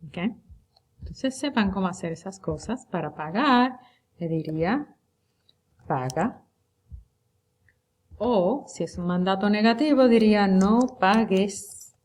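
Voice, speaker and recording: A woman teaching Spanish, reviewing a unit for an exam. She speaks slowly and deliberately and draws out the example words. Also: medium pitch, animated, darkish tone. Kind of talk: recorded lecture review.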